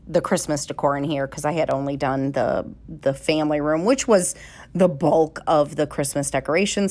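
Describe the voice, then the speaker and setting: In a home vlog shot in her kitchen, a woman chats casually, bubbly and talkative with plenty of fillers. Her low, darkish voice is a little nasal and congested from a cold.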